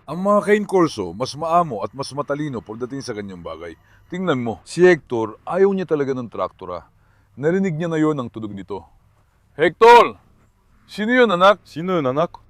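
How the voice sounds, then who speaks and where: A man's voice: mid-range voice, big pitch swings, brisk, dry recording. A man vlogging about his pets, talking casually to the camera and coaxing his dogs. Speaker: pet vlogger. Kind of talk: casual vlog narration to the camera.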